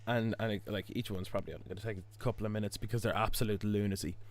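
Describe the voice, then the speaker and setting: A hoarse Irish man with his voice stuck low, chatting casually while live-streaming a game, rambling with lots of fillers and restarts. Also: steady tone, racing. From Ireland. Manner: rambling, many fillers and restarts, chuckles often.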